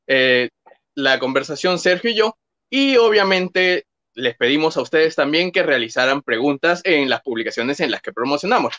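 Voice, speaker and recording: Lively man on slightly dull audio. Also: on the high side. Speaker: co-host. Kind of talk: casual live-stream hosting.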